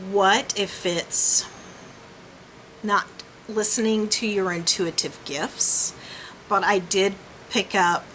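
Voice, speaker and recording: A woman's voice: medium pitch, a bit bright, low-quality recording. A woman giving a casual, conversational spiritual healing reading, thinking aloud and trailing off into asides. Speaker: crystal and chakra healer giving a personal reading. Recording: clear background noise.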